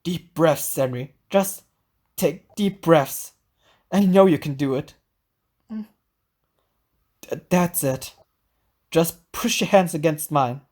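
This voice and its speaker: A woman voicing a gentle, soothing male friend. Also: low-pitched. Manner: slow, reassuring.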